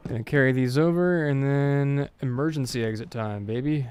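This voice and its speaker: A sleep-deprived man giving rambling, relaxed commentary while streaming a game. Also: mid-range voice, normal speed, clear, resonant tone. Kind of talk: casual gameplay commentary.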